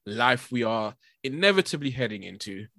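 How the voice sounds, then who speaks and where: Male podcast host, bright forceful voice, chatty and animated, dry close sound. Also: mid-range voice, normal speed, no room sound. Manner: animated, laughs often, filler-heavy. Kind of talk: casual chat.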